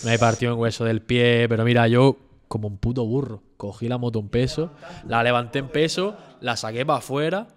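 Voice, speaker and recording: A young man from southern Spain with an Andalusian accent, telling a story as a guest in a relaxed, slang-heavy chat. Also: mid-range voice, moderate pace. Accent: Andalusian Spanish. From Almería, Spain. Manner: slangy, animated storytelling, full of street fillers. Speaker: rapper and freestyle battler, guest.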